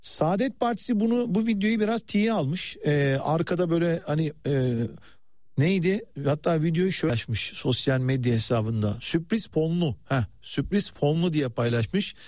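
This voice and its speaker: A man's voice: on the high side, animated, normal speed, darkish tone, dry recording, studio quality. A man presenting live radio news with commentary, addressing listeners in a hesitant, conversational way and turning to colleagues mid-broadcast.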